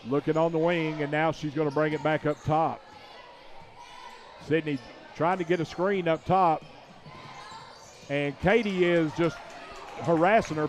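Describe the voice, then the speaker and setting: A male play-by-play announcer calls a high school basketball game from a school gym. His commentary is rapid and excited, jumping up in pitch on every shot.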